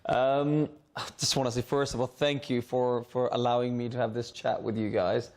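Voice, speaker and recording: A middle-aged former student from Hong Kong, now a guest speaker, sits in a school library talking informally to students. His mid-range voice is a little mellow, his delivery flat and moderately paced, and he repeats words often while finding his phrasing.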